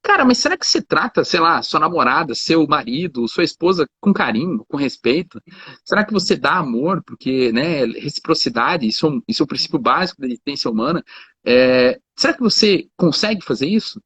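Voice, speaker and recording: A man's voice: a little high, sing-song, brisk, fairly bright tone, husky, dry recording. A man, a lawyer talking in a casual conversation, explaining his points with everyday examples and lots of fillers. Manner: talkative, explains with examples, fillers like 'cara' and 'né'. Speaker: lawyer, guest. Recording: dull lo-fi sound.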